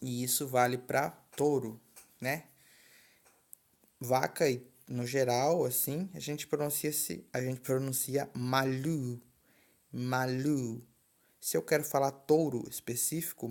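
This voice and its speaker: A man teaching a language lesson, slow and patient, saying each word twice. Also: mid-range voice, darkish tone.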